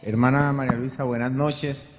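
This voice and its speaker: A man's voice: medium pitch, flat delivery, normal speed, background noise. Earnest man testifying in an echoing hall. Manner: earnest, repeats "hermana" often. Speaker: congregation member. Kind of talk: formal testimony. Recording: long hall reverb.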